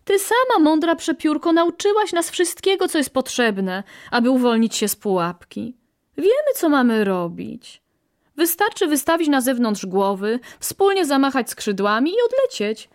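A woman's voice: sits high, big pitch swings, normal speed, pitched above the performer's own voice. A woman doing smug stubborn birds. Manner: self-assured, dismissive. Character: stubborn flock of birds, complacent and proud. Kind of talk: storybook reading.

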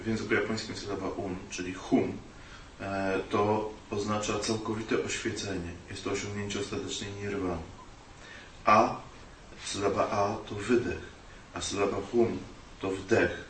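A man's voice: on the low side, fairly even intonation, moderate pace. A man interpreting a Buddhist talk, hesitant and full of filler sounds. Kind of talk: consecutive interpreting of a dharma talk. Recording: echoey room, distant mic, faint hiss.

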